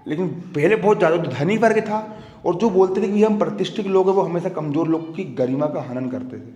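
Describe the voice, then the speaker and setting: A man's voice: high voice, brisk, a little mellow. A young man teaching a coaching class, chatty and joking, often checking in with his students. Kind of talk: classroom lecture. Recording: echoey classroom with long reverb.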